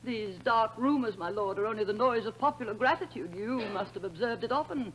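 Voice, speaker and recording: A woman's voice: fairly high pitch, brisk, lightly acted, poor audio. An actress playing a proud, bitter, wronged sorceress queen in grand declamatory 1950s stage tragedy style. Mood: guarded.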